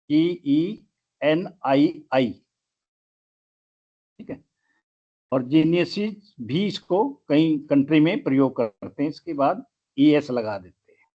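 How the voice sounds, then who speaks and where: Slow, deliberate male grammar teacher. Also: fairly high pitch, highs cut off. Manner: spells words out letter by letter, slow and deliberate. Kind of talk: lesson.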